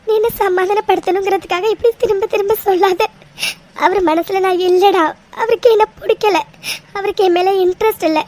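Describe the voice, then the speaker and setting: A woman's voice: very high voice, steady tone, fairly quick, a little mellow. A woman doing a tiny-voiced young cartoon woman sobbing. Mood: heartbroken. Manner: tearful, self-blaming, sobbing. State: crying. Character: young woman heartbroken over rejection. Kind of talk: cartoon voice acting.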